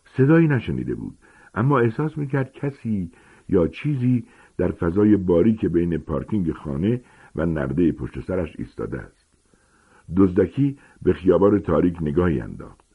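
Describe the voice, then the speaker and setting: A man narrating a storybook in a dramatic, expressive reading. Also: sits low, breathy edge. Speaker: audiobook narrator. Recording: tinny phone-like sound.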